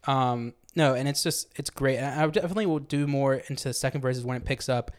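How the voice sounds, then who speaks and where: Young man, podcast co-host, quick enthusiastic rambler, mid-pitched. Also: smooth. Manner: rambling, enthusiastic, many restarts. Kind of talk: casual music review chat.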